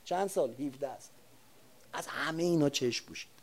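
Give me an older man preaching a sermon, switching between hushed storytelling and forceful, loud emphasis. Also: a little high. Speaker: religious speaker. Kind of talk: sermon with personal war memories.

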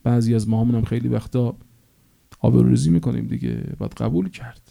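A man's voice: mid-range voice, creaky, mellow. A male cleric preaching a sermon in an impassioned, storytelling manner, rising to emphatic peaks.

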